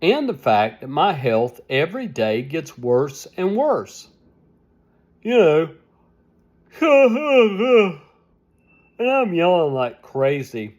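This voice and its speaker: Slow, rambling seventy-year-old man. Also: on the high side, sing-song, a little mellow. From United States. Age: 70s. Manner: rambling, complaining, repeating himself. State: sleepy and tired. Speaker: vlogger. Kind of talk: casual vlog monologue.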